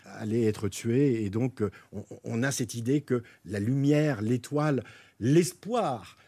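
Mellow man explaining on radio. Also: mid-range voice, slow, breathy edge, no room sound. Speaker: radio guest presenting an investigation. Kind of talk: explanatory storytelling.

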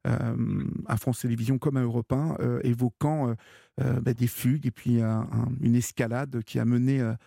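A man hosting a radio call-in show who talks haltingly, with many fillers and repeated words. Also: mid-range voice, fairly even intonation, gravelly, mellow, no echo, clean studio sound. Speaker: radio host.

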